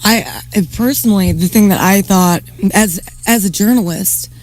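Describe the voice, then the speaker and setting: A woman's voice: mid-range voice, normal speed, darkish tone, rough recording. A woman hosting a talk radio show, interviewing guests in a casual conversational style. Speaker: radio host and journalist.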